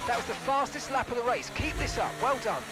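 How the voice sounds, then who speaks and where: A man playing a calm, encouraging race engineer giving clipped updates over team radio in a video game. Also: extremely high pitch, brisk, over loud music.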